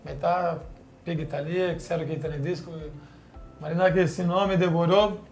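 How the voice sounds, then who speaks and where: A middle-aged man from Brazil, a former footballer, chats as a guest in broken, halting Greek that carries a clear Brazilian Portuguese accent. His voice sits fairly high, and he keeps slipping into acted-out quotes of old conversations. Faint music plays in the background. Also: fairly even intonation. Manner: halting, simple non-native Greek, acts out quoted dialogue. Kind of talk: casual interview chat.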